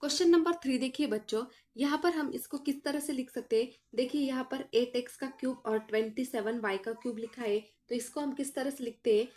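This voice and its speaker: In a patient, explanatory tone, a female teacher with a fairly high, slightly mellow voice moves through a math lesson step by step at a somewhat quick pace. She keeps asking the class, whom she calls children, what comes next, then answers her own questions right away.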